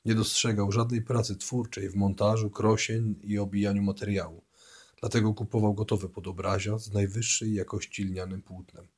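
A man reading a novel aloud as scripted audiobook narration, voicing the dialogue a little louder and livelier than the narration. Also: fairly low pitch, husky.

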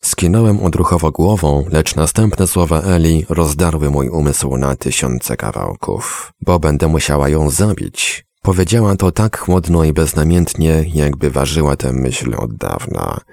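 A man narrating a story in a measured, somber audiobook reading. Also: extremely low pitch, gravelly, dark tone, no echo.

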